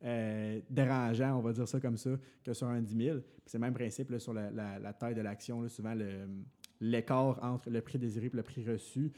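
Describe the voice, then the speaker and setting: Young Quebec French male podcast co-host, warm low timbre, rambling casual explainer full of fillers. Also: fairly even intonation, normal speed. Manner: explains at length with many fillers and restarts. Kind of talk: casual finance podcast talk.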